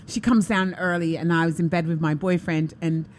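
A woman hosting a talk radio show, telling stories in an animated way, laughing and acting out quotes. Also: lowish voice, normal speed, slight background noise. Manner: animated storyteller, laughs often, acts out quotes. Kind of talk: casual radio chat.

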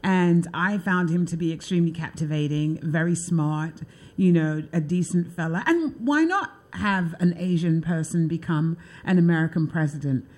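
A woman's voice: fairly low pitch, normal speed, few pauses, darkish tone. Chatty woman hosting a talk show. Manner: chatty, loose, lots of "you know" and "like". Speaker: show host. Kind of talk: casual interview chat.

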